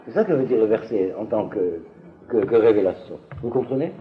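A man teaching a class on biblical texts, hesitating and restarting, often asking the listeners whether it is clear. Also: on the low side, expressive, brisk, phone-quality sound.

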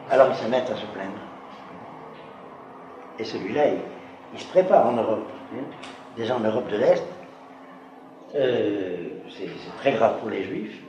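Male lecturer, mid-pitched and emphatic, who keeps asking if he is clear; echoey hall with noise behind. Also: darkish tone. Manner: emphatic, keeps checking with rhetorical questions. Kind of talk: lecture with audience questions. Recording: echoey room with background noise.

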